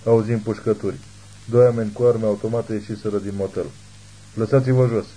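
Husky dark-voiced male audiobook narrator. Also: on the low side, flat delivery, rough recording. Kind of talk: scripted narration.

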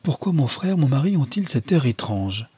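A man's voice: mid-range voice, big pitch swings, normal speed, warm tone, husky, dry recording, voice pushed up. A man reading aloud voices a frightened young bride, raising his voice into an anxious, pleading tone.

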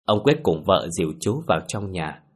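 Deep-voiced man telling a ghost story. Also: lively intonation, normal speed, slightly rough. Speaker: narrator. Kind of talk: storytelling narration.

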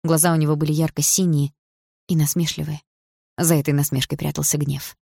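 A woman reading a story aloud as narrator in an even, measured way. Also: low voice, vocal fry, slightly rough, dry recording, studio quality. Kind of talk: audiobook narration.

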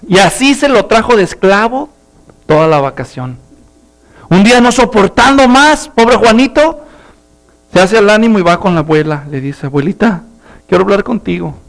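A man's voice: sits high, very animated, normal speed, fairly bright tone, soft background music. A male pastor who preaches a sermon and animatedly acts out the story's characters.

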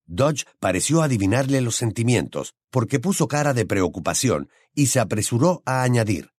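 A man narrating an audiobook in a steady, expressive storytelling manner. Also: mid-range voice, normal speed, husky, dry recording, clean studio sound.

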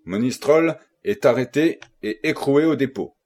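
A man's voice: mid-range voice, expressive, measured pace, a little mellow, lightly acted. A man reading a dutiful male police officer. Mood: reporting.

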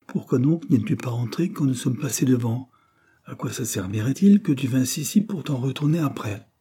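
A man reading the lines of an ailing, jealous young invalid in a French storybook, lifting his voice a little higher for the character. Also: fairly quick, mellow, slightly rough. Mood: peevish.

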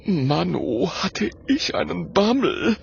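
A man's voice: sits high, big pitch swings, takes it slowly, gravelly, slight background noise, pitched above the performer's own voice, full character voice. A man voicing a timid young male ghost in a children's audiobook, stammering and nervous. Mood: relieved. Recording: dull audio with faint music.

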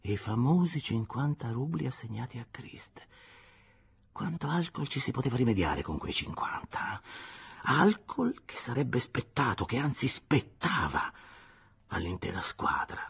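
Man, audiobook reader, very husky, bright edge, lively pitch, dramatic narration. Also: a little slow. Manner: expressive, shifting between hushed and loud. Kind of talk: dramatic literary reading.

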